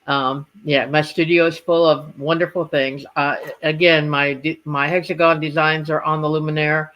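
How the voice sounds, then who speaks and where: A man with a slightly high voice walks through craft designs in a casual demonstration. He explains as a designer would, in a halting, informal flow. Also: little pitch movement, fairly bright tone, muffled recording. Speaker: machine embroidery designer presenting designs.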